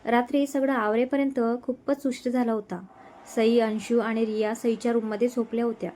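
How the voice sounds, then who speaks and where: A woman narrating a romantic story in a calm, expressive storytelling manner. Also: a little high, moderate pace.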